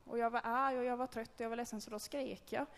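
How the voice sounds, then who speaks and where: Woman sharing a personal testimony to a group, conversational and halting, gravelly tone, recorded in a reverberant hall. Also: a little high, steady tone. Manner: candid, conversational storytelling with hesitations. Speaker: speaker telling a personal faith story.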